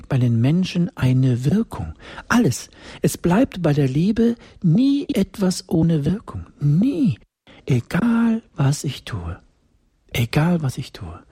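Husky preacher, lively rising and falling pitch, dark mellow tone, emphatic sermon with whispered asides. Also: no room sound, clean studio sound. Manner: emphatic, repeats key phrases, drops into breathy whispers.

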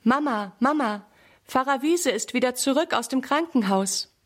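Woman reading as a lively schoolgirl, eager, storybook. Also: on the high side, normal speed, close to an everyday voice. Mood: excited.

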